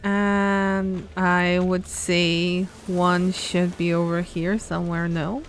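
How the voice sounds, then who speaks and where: A woman giving casual let's play commentary, unhurried and thinking aloud as host. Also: lowish voice, flat delivery, soft background music.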